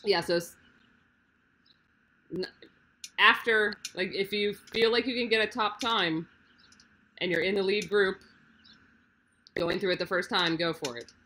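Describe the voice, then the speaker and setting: A woman with a hoarse voice hosting a livestream, chatting casually about race plans with rambling side remarks. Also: mid-range voice, steady tone, measured pace, pauses often, sharp tone, slight background noise. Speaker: livestream host of a cycling race team.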